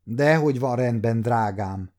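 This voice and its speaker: A wounded young nobleman who speaks earnestly, pleading his case, voiced by a male audiobook reader. The voice is dark and mellow. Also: medium pitch, natural voice. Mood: alarmed. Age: 50s.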